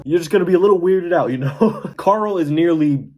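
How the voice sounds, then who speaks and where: A man's voice: on the high side, expressive, fairly quick, muffled recording. A man giving casual, opinionated commentary in a loose, conversational way, recorded indoors. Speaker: YouTube commentator. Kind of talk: casual video-essay commentary.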